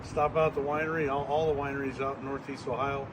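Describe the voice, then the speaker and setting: A man's voice: mid-range voice, flat delivery, fast talker, distant mic. A man, a winery owner, speaking in a friendly, inviting way in an outdoor promo spot. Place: outdoors at a field. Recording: noisy outdoor recording from afar.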